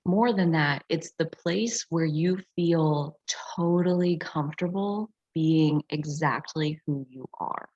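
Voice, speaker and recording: On a lo-fi, dull-sounding video call, the astrology teacher and facilitator explains things reflectively and casually, leaning on "like" a lot. She speaks slowly with hardly any pauses, in a low, darkish voice with a breathy edge.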